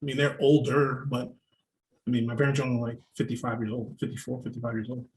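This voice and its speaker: Speaking quickly in a mid-range, slightly mellow voice with fairly even intonation, a man in his 30s rambles through stories as a guest on a laid-back podcast. He leans heavily on "like" as a filler. The room adds a noticeable echo.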